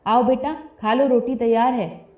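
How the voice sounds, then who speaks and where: A woman's voice: a little high, fairly even intonation, a little slow, voice pushed up, lightly acted. A woman voicing a curt, scolding village aunt. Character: proud older village aunt, sharp-tongued. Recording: tinny phone-like audio, roomy, faint music.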